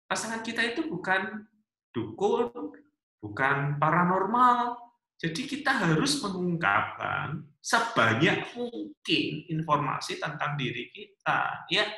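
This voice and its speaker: Animated male pastor in an echoey room. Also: sits high, slow, creaky. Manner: animated storytelling, many rhetorical asides. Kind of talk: humorous sermon at a couples' webinar.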